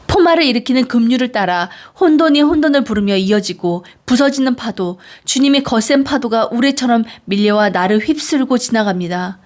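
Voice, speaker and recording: A woman reading psalms aloud in an earnest, measured way. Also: fairly high pitch, lively intonation, a little mellow. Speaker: Bible reader. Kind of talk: scripture reading.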